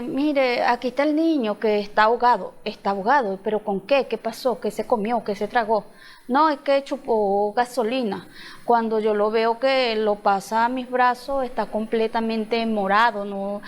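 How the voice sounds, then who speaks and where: A woman giving a personal testimony in church, telling an emotional story and acting out the voices of the people in it. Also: fairly high pitch. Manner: emotional storytelling, quoting dialogue. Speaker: testimony speaker.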